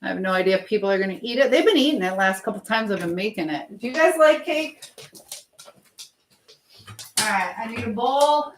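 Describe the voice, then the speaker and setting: This live streamer talks with her viewers while cooking at home, her attention hopping from one task or remark to the next. She has a mid-range, animated voice, speaks fairly quickly, and leaves long pauses. The phone picking her up shifts closer and farther away, and the kitchen sounds echoey with a little background noise.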